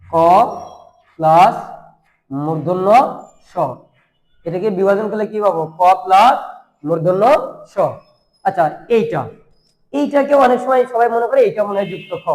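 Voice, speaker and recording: A young man teaching a grammar lesson, often asking his students questions and answering them himself while repeating words slowly. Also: sits high, darkish tone, roomy sound, in a large hall, low-quality recording. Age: young adult.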